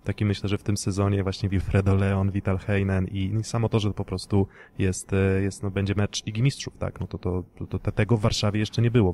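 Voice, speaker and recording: Podcast host, male, low and flat delivery, measured and analytical. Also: slight background noise. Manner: measured, analytical, hands questions to co-hosts. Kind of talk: casual sports podcast discussion.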